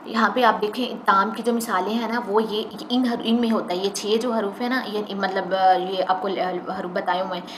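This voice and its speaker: A woman teaching a Quran recitation lesson, explaining the rules and slowly modelling the recited words again and again. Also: mid-range voice, steady tone. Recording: echoey room with faint noise.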